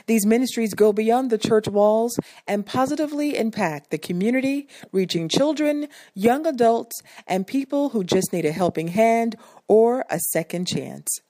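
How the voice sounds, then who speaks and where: A woman reads a scripted narration slowly and formally. Her voice sits fairly high and sounds mellow. The recording is dry and close, with no room sound. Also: expressive, no echo. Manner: measured, formal reading. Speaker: narrator of a church anniversary video.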